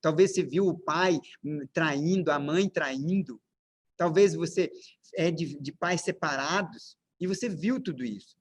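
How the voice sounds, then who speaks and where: A Brazilian man with a Brazilian Portuguese accent lectures on parenting in a room with slides, peppering his audience with rhetorical questions and pressing his points emphatically. His voice is fairly high and breathy-edged, and he doesn't hurry.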